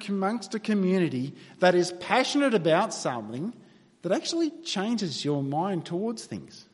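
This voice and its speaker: An Australian pastor from New South Wales gives a sermon, shifting between earnest prayer and relaxed, conversational storytelling full of dry, wry humour. His voice is a bit high for a man, and the long reverb of a church hall surrounds it.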